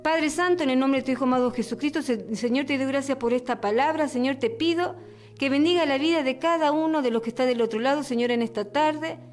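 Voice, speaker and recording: High-voiced woman preaching on radio. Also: quick pace, soft background music. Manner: earnest, repeats words and restarts, prayer full of "Padre" and "Señor". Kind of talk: radio sermon and prayer.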